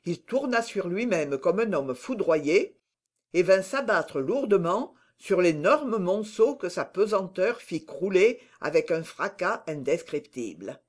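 Slow, expressive audiobook narrator. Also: medium pitch. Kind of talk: scripted narration of a classic novel.

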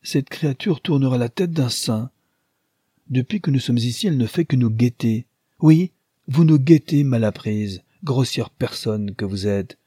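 A man with a husky voice voicing an impetuous young wife who scolds with imperious, haughty commands. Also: on the low side, a little slow, mellow, no room sound, clean studio sound. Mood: furious. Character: impetuous young wife, tender then fiery-tempered.

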